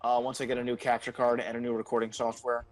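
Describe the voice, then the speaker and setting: A man's voice: medium pitch, monotone, quick pace. A young man commentating casually on his own gameplay with friends, joking, swearing freely and voicing strong opinions. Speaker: player and commentator. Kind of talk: casual let's-play commentary among friends.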